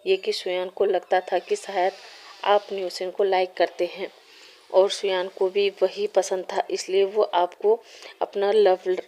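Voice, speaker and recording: A woman's voice: medium pitch, level tone, unhurried, dark tone, natural voice. A woman voicing a protective young man who is secretly a mafia boss, speaking firmly in a storybook reading. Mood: explaining.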